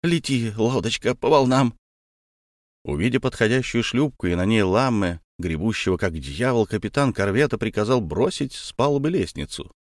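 A man narrating a classic adventure novel as an audiobook, in a measured storytelling manner. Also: lowish voice, lively intonation, no echo, clean studio sound.

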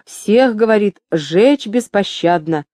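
A woman's voice: mid-range voice, lively intonation, slow pace, dark tone, no echo, studio quality. A woman doing a rash young nobleman. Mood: eager. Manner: hasty, chattering.

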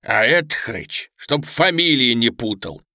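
A cruel bandit chief, as a man puts him on, drawing out his taunts slowly and loudly, pitched a little above a plain reading voice. The recording is dry and close, with no room around it. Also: animated, dry recording, full character voice. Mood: gloating. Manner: slow, mocking, gloating, loud. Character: cruel, burned male bandit leader, gloating.

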